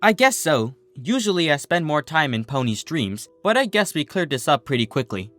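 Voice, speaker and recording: A man voicing a regal, gentle pony princess in a storybook reading, with formal, old-fashioned phrasing. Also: on the high side, big pitch swings, normal speed, no room sound, soft background music, voice pushed up. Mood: earnest. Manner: formal, archaic turns of phrase.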